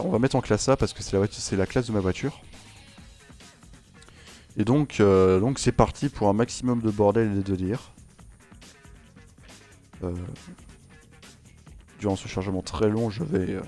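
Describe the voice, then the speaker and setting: A man's voice: on the low side, warm tone. Rambling man commentating his own gameplay. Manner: rambling, joking, many fillers and restarts. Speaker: gaming channel host. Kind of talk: casual game commentary. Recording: game sounds and music behind.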